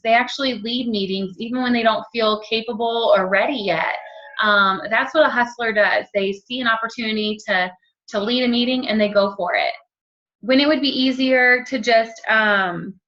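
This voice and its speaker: Fast-talking bright woman, motivational chat. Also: mid-range voice. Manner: quick, chatty, many ums and you-knows. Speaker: network marketing team leader. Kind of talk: casual motivational talk to camera. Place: home. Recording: dull lo-fi home recording.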